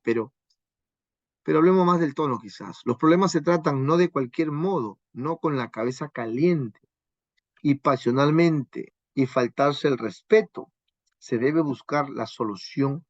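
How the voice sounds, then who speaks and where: A man's voice: a little high, dry recording, lo-fi sound. A man teaching a Bible class on marriage. He keeps asking rhetorical questions and tagging his points with "¿no?". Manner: asks frequent rhetorical questions with tag "¿no?".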